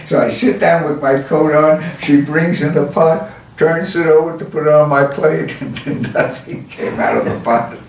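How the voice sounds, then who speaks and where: An older man from New York telling family stories in a slow, halting way, chuckling now and then. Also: a little high, fairly even intonation, creaky, a little hiss or hum. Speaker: interviewee. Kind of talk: reminiscing storytelling. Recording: echoey room, far from mic.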